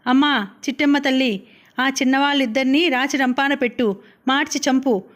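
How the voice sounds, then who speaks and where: A woman's voice: high voice, moderate pace, lightly acted. A woman reading the part of an indulgent middle-aged mother who pleads and pities herself. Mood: pleading. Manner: pleading, self-pitying.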